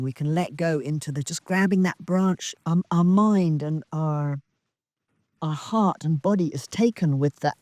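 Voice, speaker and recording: A woman from Zambia giving a slow, halting, reflective dharma talk as a meditation teacher on a retreat. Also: sits low, mellow, no room sound. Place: outdoor retreat in wilderness.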